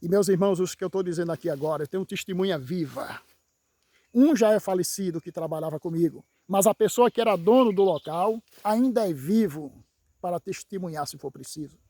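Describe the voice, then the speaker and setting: High-voiced man testifying. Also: dark tone, no echo. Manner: emphatic, repeats phrases, dramatic pauses. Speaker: evangelical brother giving a testimony. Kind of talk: dramatic spoken testimony.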